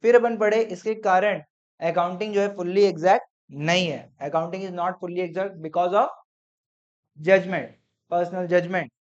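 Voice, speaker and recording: A man's voice: high voice, steady tone, slow. A man teaches an accounting revision class, counting off points and quizzing his students as he goes. He mixes English terms into his Hindi. The recording sounds dull and lo-fi. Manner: drills points in numbered lists, quizzing students.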